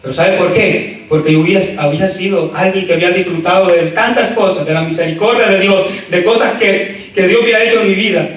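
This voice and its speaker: A male preacher delivers a sermon straight to his congregation, dropping "amén" between phrases and climbing into loud, shouted exhortation. His voice sits high and sounds bright and sharp. It rings through a heavily echoing church, picked up from a distance. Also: fairly even intonation, fairly quick. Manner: frequent "amén" interjections, talks straight to the congregation. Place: church sanctuary. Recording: echoey church from a distant mic.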